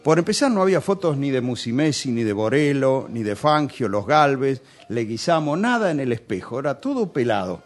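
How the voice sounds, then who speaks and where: Speaking with a Rioplatense Spanish accent, a man tells nostalgic, chatty stories full of local slang on a radio show. His medium-pitched voice is sing-song and brisk, with hardly any pauses.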